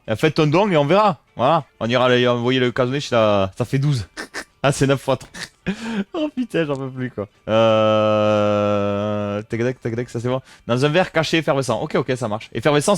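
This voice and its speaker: A man's voice: medium pitch, dry recording. A man chatting casually on a live stream, rambling and reading chat messages aloud. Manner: rambling, reads chat aloud, frequent fillers.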